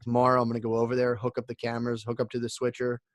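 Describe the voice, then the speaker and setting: A man's voice: medium pitch, completely flat delivery, racing, no echo. Man, mid-range voice, podcast co-host, easygoing profane banter, dry sound. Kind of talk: casual chat.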